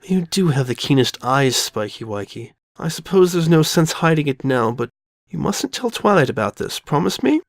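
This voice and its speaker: A man's voice: a little high, sing-song, moderate pace, no echo, studio quality. Man voicing an elegant, theatrical lady pony, Rarity. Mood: hurt, delicate. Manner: refined, theatrical, formal diction with endearments. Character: elegant, genteel female pony, refined and tender-hearted. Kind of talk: dramatic fan fiction reading.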